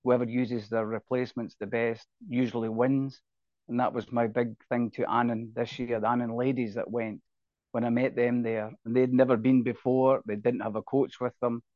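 A man's voice: mid-range voice, little pitch movement, moderate pace, no room sound. An older man with a Scottish accent, chatting casually and anecdotally as a guest in an interview. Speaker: podcast guest, rugby referee. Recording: dull, lo-fi, dry sound.

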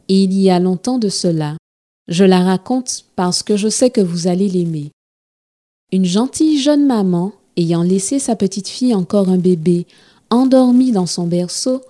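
A woman telling a storybook tale to children in a gentle, expressive reading style. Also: medium pitch.

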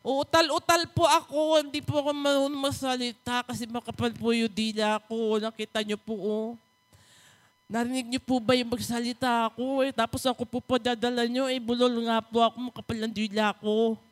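A woman's voice: on the high side, level tone, moderate pace, natural voice. A woman preacher voicing a hesitant, stammering man who pleads that he cannot speak well. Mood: pleading. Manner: pleading, apologetic.

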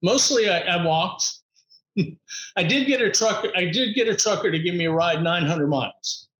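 A man, a podcast guest, telling his travel stories in an upbeat, animated way, laughing often and acting out the voices of people he met. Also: high voice, normal speed, roomy sound, rough recording. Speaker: podcast guest, motivational speaker. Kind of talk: animated storytelling in conversation.

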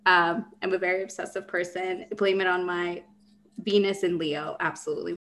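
A young woman from Mexico co-hosting a casual podcast chat, enthusiastic and quick to laugh, swearing freely. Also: fairly low pitch, level tone, fairly bright tone. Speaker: podcast co-host.

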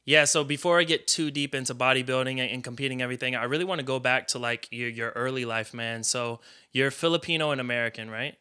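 A man's voice: medium pitch, fast talker, sharp tone, clear, resonant tone. A man hosting a podcast, asking questions in a casual, chatty way full of filler words. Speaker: podcast host. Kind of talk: casual interview.

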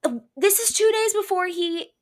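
A woman's voice: extremely high pitch, moderate pace. A woman in her twenties co-hosting a podcast in casual chat, reading out news with sarcastic asides. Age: 20s. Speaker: podcast co-host.

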